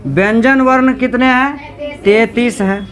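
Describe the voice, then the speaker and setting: A man teaching a class, quizzing students with repeated questions and drawing out sounds slowly to demonstrate them. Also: very high voice, a bit bright, soft background music. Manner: slow, drawn-out sound demonstrations. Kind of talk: classroom grammar lecture.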